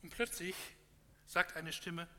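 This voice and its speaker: A man's voice: on the high side, slow pace, pushed and bright. A man giving an earnest, encouraging sermon close and reading a parable aloud, with some hesitations. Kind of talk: sermon closing with a read parable. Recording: echoey hall with faint hum.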